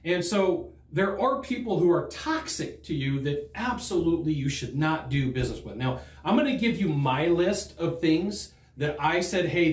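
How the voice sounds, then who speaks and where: A middle-aged man teaching sales to camera in a studio, talking in a lively, conversational way and acting out what customers say. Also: fairly high pitch, reverberant. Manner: animated, conversational, acts out customer quotes. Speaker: sales trainer. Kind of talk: direct-to-camera training talk. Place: studio in front of a green screen. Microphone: fixed camera, standing at a desk.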